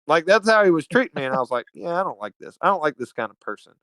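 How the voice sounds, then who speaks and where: A man's voice: a little high, rapid-fire, no echo. Slangy Southern man telling stories. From Alabama, US. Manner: animated, slangy and profane, calls everyone dude. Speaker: podcast guest. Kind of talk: casual storytelling chat.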